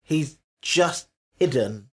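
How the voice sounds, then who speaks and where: A man's voice: on the high side, animated, takes it slowly, husky. Emphatic, argumentative man. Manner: emphatic, argumentative, talks over his co-host. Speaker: podcast co-host. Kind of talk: casual chat.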